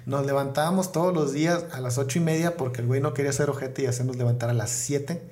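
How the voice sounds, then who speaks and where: A man's voice: mid-range voice, fairly even intonation, fast talker, a little mellow. A man with a northern Mexican accent chatting casually and telling stories, slangy and profane, repeating words for emphasis. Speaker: comedian, podcast guest. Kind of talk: casual conversational storytelling. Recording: roomy echo, clear background noise.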